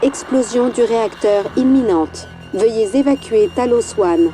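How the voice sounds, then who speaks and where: A woman voicing a female space-station alarm system, giving calm, even evacuation warnings over a loudspeaker. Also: fairly high pitch, measured pace. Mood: urgent warning. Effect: station loudspeaker announcement. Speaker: automated evacuation announcer. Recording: game audio over loud music. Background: game music.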